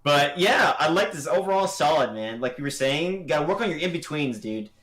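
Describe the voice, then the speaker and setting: A young man with a somewhat high voice talks through animation entries on a livestream. He is relaxed and chatty, often laughing and trailing off mid-thought before starting over. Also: a little fast. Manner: laid-back, laughs often, trails off and restarts. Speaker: co-host judging animation entries. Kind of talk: casual livestream chat.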